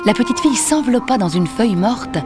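A woman narrating a children's storybook in a gentle, expressive reading. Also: fairly high pitch, a little fast. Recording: music under the voice. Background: soft music.

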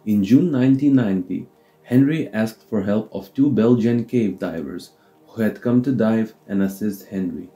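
A man reads a documentary script in a low, very dark and mellow voice. His delivery is steady and measured, with slightly non-native phrasing. Faint music plays beneath the narration. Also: low-quality recording.

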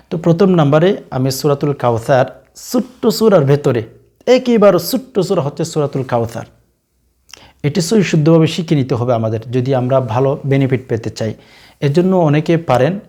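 A man's voice: on the high side, warm tone. Bangladeshi man preaching to his viewers. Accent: Bangladeshi Bengali. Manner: slow drawn-out chanted recitation between explanations; coaxing, addresses viewers directly with repeated questions. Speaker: Islamic preacher. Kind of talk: religious teaching with Quran recitation.

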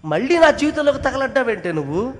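A man's voice: very high voice, very animated, fast, big-room sound, pitched above the performer's own voice. Man playing a hateful young son. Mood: furious scornful. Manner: harsh, shouting, contemptuous.

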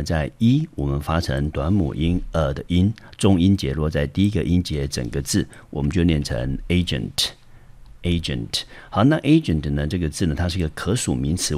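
A very deep-voiced man with a Taiwanese Mandarin accent talks through an English vocabulary lesson. He goes step by step with patient explanations and plenty of fillers. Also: dark tone. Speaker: English teacher.

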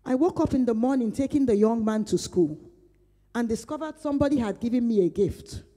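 A woman's voice: a little high, lively intonation, a little fast, dark tone. A woman pastor teaching a conversational Bible study. She speaks earnestly, repeats phrases for emphasis, and retells her own prayers aloud. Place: church hall. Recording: reverberant church hall.

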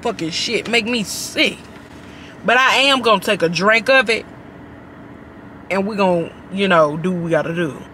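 A woman's voice: medium pitch, normal speed, pauses often, pushed and bright. A young woman giving a brash, exaggerated, profanity-heavy comedic reaction in a casual vlog, recorded inside a car. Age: young adult. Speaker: vlogger doing a taste-test reaction. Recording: background noise inside a car.

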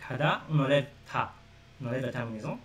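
A man's voice: mid-range voice, lively intonation, fast, distant mic. A man teaching a live-streamed lesson, explaining step by step and repeating key points straight to his viewers. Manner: repetitive step-by-step explaining, addresses viewers directly. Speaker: language teacher. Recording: echoey room, speaking away from the mic.

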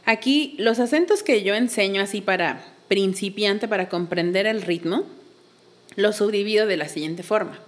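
A woman's voice: medium pitch, moderate pace. A woman, a belly dance teacher, explaining patiently in a casual interview and counting beats aloud.

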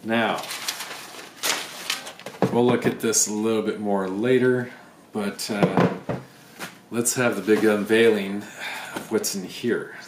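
A man's voice: lowish voice, fairly even intonation, slow pace, long pauses. A man thinking aloud with wry asides while unboxing items on camera. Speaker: video creator unboxing items. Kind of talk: casual unboxing commentary. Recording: roomy echo, faint background noise.

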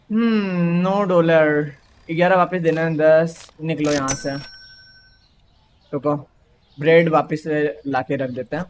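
A young man from India gives playful gameplay commentary, joking with the characters and talking to himself as he plays. His voice sits a little high for a man. A faint noise runs under the recording. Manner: playful, teasing, talks to game characters. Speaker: gaming YouTuber.

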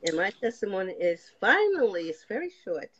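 A woman's voice: mid-range voice, big pitch swings, brisk, background noise. An older woman giving a personal faith testimony as a guest, telling her story and acting out past conversations. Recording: slightly dull lo-fi sound.

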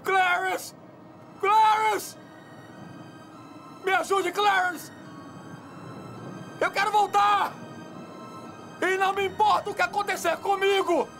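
A family man swinging between frantic pleading and tearful joy, his shouts ringing out. The pitch runs high and the delivery slow and drawn out. Strong film music plays under the voice. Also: little pitch movement, full character voice. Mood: desperate. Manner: shouting, pleading, laughing through tears. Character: desperate then overjoyed family man. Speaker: dubbed film actor. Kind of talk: Brazilian Portuguese film dub. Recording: film soundtrack with loud music.

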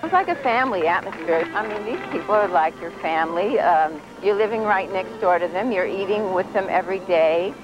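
A woman's voice: medium pitch, a little fast, hardly any pauses, lo-fi sound, music in the background. Chatty older woman on a cruise. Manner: chatty, with many fillers. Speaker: cruise passenger. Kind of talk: casual interview remarks.

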